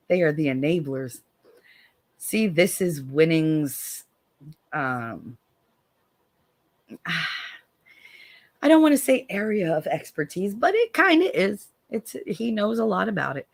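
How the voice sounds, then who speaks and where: Her pitch swings widely as she goes slowly and pauses often, an American woman hosting a laid-back livestream and responding to viewer comments. She's blunt and profane, dropping from tired murmurs into sharp sarcasm, all on a dry recording.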